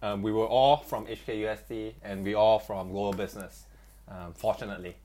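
A man's voice: fairly low pitch, fairly even intonation, brisk, dark tone, a little hiss or hum. A young man co-hosting a casual podcast, chatty, with many fillers and restarts. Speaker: podcast co-host.

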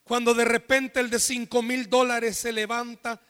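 Very high-voiced preacher man in echoing hall. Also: level tone, moderate pace, smooth. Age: adult, married. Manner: impassioned preaching with shouted appeals. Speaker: pastor. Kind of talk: sermon. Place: church service.

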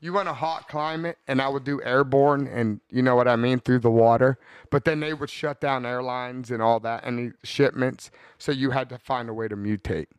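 A man's voice: mid-range voice, fairly even intonation, normal speed, clean tone. A man in his thirties hosting a podcast, chatting casually in a rambling, profane way and laughing often. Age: 30s. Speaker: podcast host. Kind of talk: casual chat.

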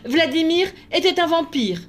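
A woman voicing a brave young boy hero in a read-aloud story, speaking high and urgently. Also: lively intonation, normal speed, soft background music. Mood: reassuring. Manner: shouting urgently.

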